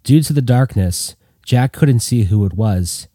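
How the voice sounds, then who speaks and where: A man narrating a story in a plain, steady reading voice. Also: mid-range voice, measured pace, dry recording, studio quality.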